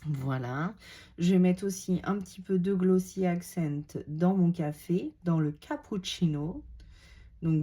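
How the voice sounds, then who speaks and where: A woman with a lingering cold talks her way through a scrapbooking demonstration, her voice sitting fairly low. She speaks slowly and unhurriedly, dropping chatty, self-mocking asides as she works. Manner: chatty, self-deprecating, muttering asides to herself. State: has a cold. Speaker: scrapbooking crafter demonstrating a page. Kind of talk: casual craft tutorial, talking while working.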